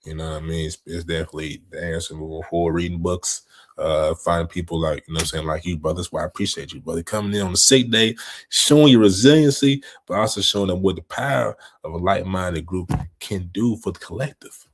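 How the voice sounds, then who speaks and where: A man's voice: sits low, steady tone, fast talker. A man co-hosting a podcast, talking sports in a laid-back, slangy way and often asking "you know what I mean". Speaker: podcast co-host. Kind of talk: casual sports chat.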